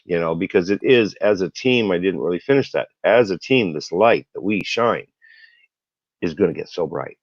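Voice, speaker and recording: A man's voice: sits low, animated, normal speed, no room sound. A man hosting a casual interview, upbeat and encouraging, often affirming his guest. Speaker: interview host. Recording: dull, dry lo-fi sound.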